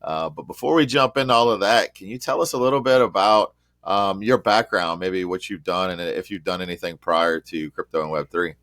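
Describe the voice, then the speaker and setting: A man's voice: deep voice, a little fast, hardly any pauses, fairly bright tone, dry recording, studio quality. A man hosting a podcast interview, welcoming his guest and asking about her background in a friendly, affirming way. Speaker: podcast host.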